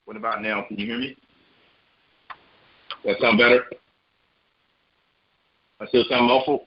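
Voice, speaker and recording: A man leading a scripture lesson over an online call, his voice dull and muffled as if coming through a wall. He speaks in a mid-range tone, pausing to ask whether listeners can hear him. The call audio is lo-fi and muffled. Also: mid-range voice, steady tone, a little hiss or hum. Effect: muffled, as if heard through a wall. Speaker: Bible class teacher.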